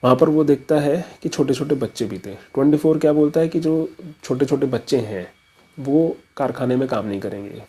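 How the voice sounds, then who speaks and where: Husky-voiced man teaching with stories. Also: medium pitch, warm tone, poor audio. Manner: story-driven, casual, mixes in English terms. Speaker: educator. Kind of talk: explaining a memory trick.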